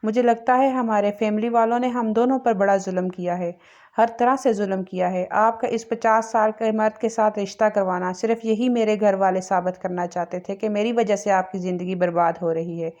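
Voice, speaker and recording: A woman's voice: medium pitch, a little mellow, dull audio, close to an everyday voice. A woman voicing a tearful, childlike young husband who speaks in pleading, broken phrases.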